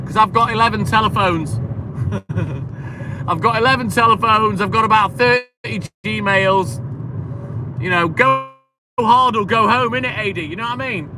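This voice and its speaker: A man's voice: high voice, normal speed, noisy background. A man chatting casually and upbeat on a live stream, slangy and laughing often.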